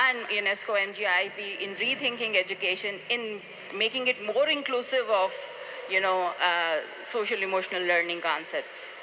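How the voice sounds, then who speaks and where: A woman's voice: mid-range voice, pushed and bright. A woman introducing herself on a panel as a scientist, hesitant and full of fillers. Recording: noisy live event recording.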